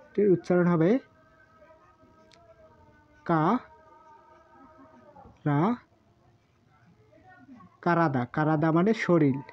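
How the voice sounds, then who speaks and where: Female teacher, low-ish voice, very slow syllable-by-syllable drilling, dull lo-fi audio. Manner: repeats each word slowly, syllable by syllable. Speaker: Japanese language teacher. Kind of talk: slow spoken lesson with repeated drilling.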